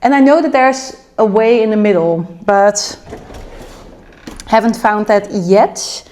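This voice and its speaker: A woman's voice: mid-range voice, expressive, slow pace, a little mellow. A young woman from the Netherlands with a Dutch accent, chatting casually in a home kitchen vlog while she cooks. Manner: chatty, rambling, self-aware. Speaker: vlogger.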